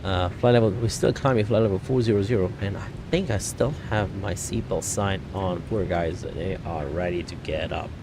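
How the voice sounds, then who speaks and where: A man's voice: sits low, fairly even intonation, moderate pace, few pauses, noisy background. A man from Italy, chatting casually on a flight sim stream, rambling and correcting himself often. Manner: rambling, many fillers and self-corrections. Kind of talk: casual live-stream chat.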